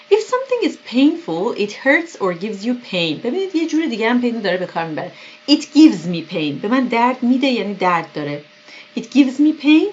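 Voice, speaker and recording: A woman whose first language is Persian, teaching English vocabulary. She reads English examples slowly and then explains them quickly. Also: medium pitch. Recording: dull lo-fi recording.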